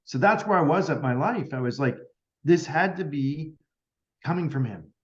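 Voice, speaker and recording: A man's voice: a little high, expressive, moderate pace. A man who is a medium, guesting on a podcast, recounting an experience in casual chat and acting out both sides of each conversation, with plenty of "like" fillers. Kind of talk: storytelling in a casual interview. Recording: roomy and slightly dull sound.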